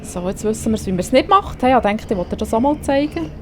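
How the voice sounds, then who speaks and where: A woman's voice: fairly high pitch, expressive, fast, darkish tone, slight background noise. Swiss German woman commentating a game. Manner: chatty, swearing, talking to the game character. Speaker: gaming streamer. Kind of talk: let's play commentary.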